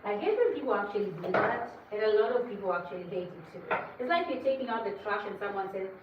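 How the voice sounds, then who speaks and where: A woman's voice: mid-range voice, animated, fast talker, lo-fi sound, noisy background. A woman hosting a cooking livestream, chatting casually and lecturing viewers as she cooks. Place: home kitchen. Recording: echoey kitchen, mic at a distance.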